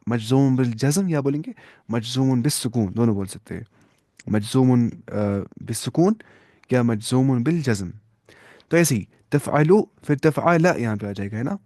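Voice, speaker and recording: A man's voice: mid-range voice, dark tone, no echo. Male grammar teacher, patient, drills forms aloud, dry close sound. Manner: patient, asks rhetorical questions and answers them. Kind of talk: explaining grammar rules step by step.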